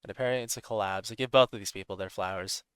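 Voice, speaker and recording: A man giving casual gameplay commentary, excitable and laid-back, full of swearing and surfer-bro slang. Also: on the low side, rapid-fire, smooth, dry recording. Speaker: gaming video host.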